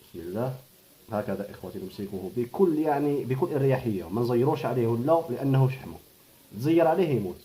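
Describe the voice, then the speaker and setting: A man with an Algerian Arabic accent who breeds pigeons, giving a hands-on how-to tutorial and softly murmuring blessings as he works. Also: medium pitch, animated, quick pace, low-quality recording.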